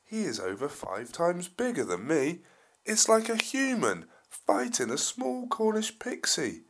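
A man voicing a small, gentle, nervous male pink elephant in a children's story, speaking meekly in a raised voice. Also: a little high, huge pitch swings, unhurried, pitched above the performer's own voice, full character voice. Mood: meek worried. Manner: meek and pleading.

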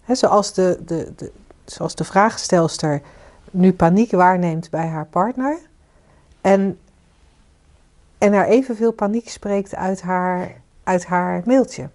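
A woman's voice: on the low side, slow pace, pauses often. A woman co-hosting a podcast, talking casually and asking listeners questions. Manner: warm inviting, asks listeners questions. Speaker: podcast co-host and coach. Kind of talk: casual conversation with listener invitations.

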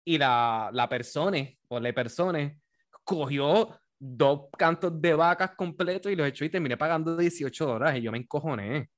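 A man's voice: on the high side, normal speed. Teasing Puerto Rican young man. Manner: teasing, chatty. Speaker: podcast co-host. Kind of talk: casual chat.

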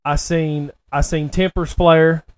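A man with a fairly high, level voice takes his time as he tells stories. He's a podcast co-host and racing personality, chatting casually in a folksy, emphatic, animated way.

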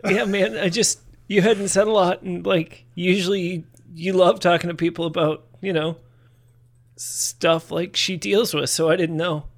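A man playing a tabletop game, chatting casually in character in a laid-back, halting way. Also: sits high, steady tone. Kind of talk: casual improvised role-play chat.

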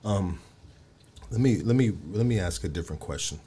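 A man in his forties interviewing casually, halting and leaning on fillers and tag questions. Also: on the low side, lively intonation, dark tone, a little hiss or hum. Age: 40s.

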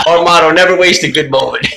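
Man, co-host, fairly high voice, goofy running jokes. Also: reverberant, noisy background. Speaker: podcast co-host. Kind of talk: casual chat.

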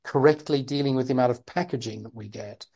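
A woman conducts an intellectual interview in a low-pitched, dark and relaxed voice. She is measured and discursive, choosing formal words and adding qualifications as she goes. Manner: measured, discursive, formal vocabulary with hedging asides.

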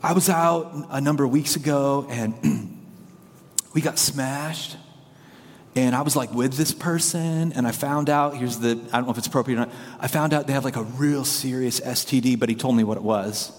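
A man's voice: mid-range voice, normal speed, big-room sound. A man preaching a sermon as pastor, telling a story in a rambling, self-deprecating way.

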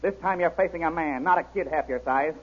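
An actor playing a confident gentleman adventurer in a 1930s radio drama, calm and firmly defiant. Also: on the high side, brisk. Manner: calm, firm, dryly defiant. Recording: husky lo-fi old radio recording.

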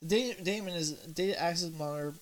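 A man's voice: fairly high pitch, fairly quick. A man co-hosting a podcast in casual chat, rambling in a nerdy way and swearing casually. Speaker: podcast co-host.

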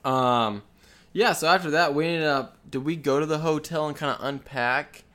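A woman's voice: deep voice, normal speed, fairly bright tone. A woman co-hosting a casual podcast, chiming in and finishing her partner's sentences with dry remarks. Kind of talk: casual travel chat.

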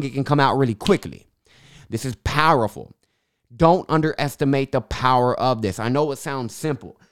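A man's voice: on the high side, no room sound, studio quality. A man hosting a motivational podcast, speaking emphatically and repeating key phrases, with a lisp and r's that sound like w's. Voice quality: lisp, can't say R's properly, w-like r. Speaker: podcast host, self-help coach.

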